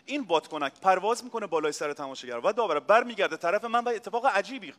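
A fairly high male voice, polite and mock-formal, playing the straight man in a stage comedy sketch. The long reverb of a TV studio hall surrounds him. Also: lively intonation, a bit bright.

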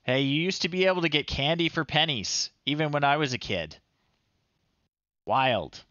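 A man in his thirties, host of a retro game show, commentates a game on a live stream with a fairly high, pushed and bright voice, animated and at a moderate pace. He reads the screen text aloud with playful, amused asides from a small room at home, recorded close-up, dry and slightly dull.

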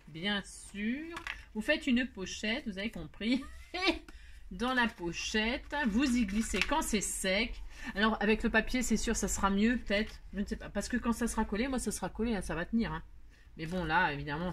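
A woman's voice: on the high side, fairly bright tone. A woman hosting a casual scrapbooking tutorial at home, chatting to viewers in a rambling, self-mocking way as she works. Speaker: craft tutorial host.

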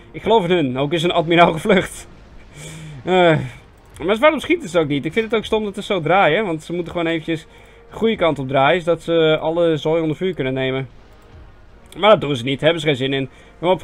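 Chatty young Dutch man, higher voice. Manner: chatty, self-mocking, excitable with sudden yelps. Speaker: gaming video host. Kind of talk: casual let's-play commentary. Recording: faint game music behind voice.

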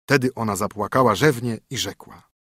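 A man narrating a fairy tale audiobook in a measured storytelling manner. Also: mid-range voice, fairly bright tone, breathy edge, dry recording, clean studio sound.

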